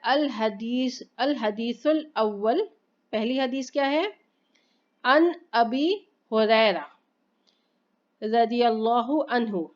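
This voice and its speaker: A woman teaching Arabic grammar in a slow, explanatory lesson, asking questions and answering them herself and reciting phrases carefully. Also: a little high, a little mellow, muffled recording. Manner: patient, repeats points and asks herself questions.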